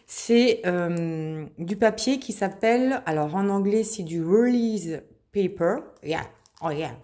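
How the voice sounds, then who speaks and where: A woman's voice: medium pitch, takes it slowly, dark tone. Chatty woman hosting a craft tutorial. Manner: chatty, many hesitations and restarts. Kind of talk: casual how-to explanation.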